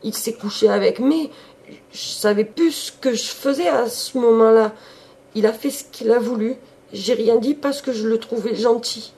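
A reader voicing a young serving woman who stammers out a tearful confession, in an audiobook of a classic novel. The figure speaks in halting, broken phrases. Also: medium pitch, a little mellow, voice pushed up, natural voice. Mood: sobbing confession.

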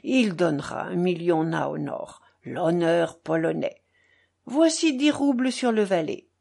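A woman reading a novel aloud, voicing a reckless, hot-headed young man who speaks loud and raised. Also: on the low side, lively intonation, slow, creaky, voice pushed down, full character voice.

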